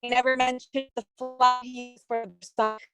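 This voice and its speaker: A woman's voice: sits high, flat delivery, moderate pace, fairly bright tone, soft background music. A woman taking part in a course discussion over a video call, speaking hesitantly with fillers while her audio breaks up. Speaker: course participant. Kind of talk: casual group discussion.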